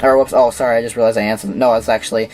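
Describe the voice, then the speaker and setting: A man's voice: medium pitch, fairly even intonation, racing, a little mellow, soft background music. A young man from Minnesota answering viewer questions in a casual, rambling vlog, with lots of fillers and restarts. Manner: rambling, many fillers and restarts, chuckles at himself. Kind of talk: casual Q&A monologue.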